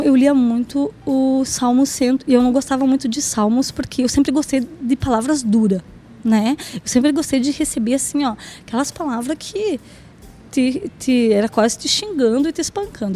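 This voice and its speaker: A woman's voice: high voice, normal speed, warm tone, a little hiss or hum. A woman giving a personal faith testimony in a chatty way, often acting out what people said and tagging her sentences with little questions. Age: adult, mother of two daughters. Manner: chatty, acts out quoted dialogue, frequent "né?" and "sabe?".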